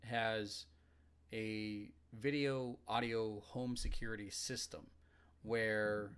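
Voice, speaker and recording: A man co-hosting a casual talk show, speaking in a relaxed, rambling, joking way. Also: fairly low pitch, takes it slowly, clean tone. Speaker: podcast co-host. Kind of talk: casual chat.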